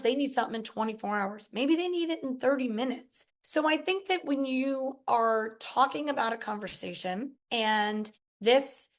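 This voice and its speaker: A woman co-hosting a podcast, explaining in an upbeat, chatty way and acting out little customer quotes. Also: a little high. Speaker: podcast co-host. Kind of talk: casual podcast chat.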